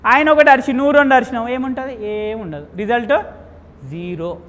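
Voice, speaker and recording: Animated trainer. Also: male voice, very high voice, a little fast. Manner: animated, quizzes the audience and acts out dialogues. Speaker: real estate sales trainer. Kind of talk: live training seminar lecture. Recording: long hall reverb.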